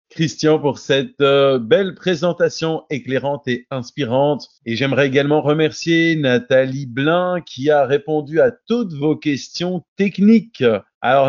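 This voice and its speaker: A man's voice: medium pitch, a little mellow. A man hosting a video-call webinar, thanking the speaker and reading out audience comments. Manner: reads audience thanks aloud. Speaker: webinar host. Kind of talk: webinar moderation. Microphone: video call mic. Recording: dull lo-fi call audio.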